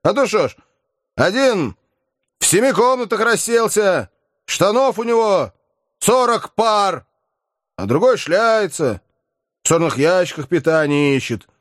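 A coarse, defiant young lout whines in rough slang, as a man reads him in a storybook. The voice is pitched high and swings widely, and the recording is dry. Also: very animated, unhurried, long pauses, no echo. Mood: crude. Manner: coarse colloquial speech.

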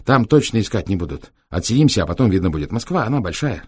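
A man's voice: lowish voice, big pitch swings, quick pace, a little mellow, breathy edge, dry recording. A man voicing a cheeky, streetwise young Roma taxi driver who talks in brash, slangy, sly banter.

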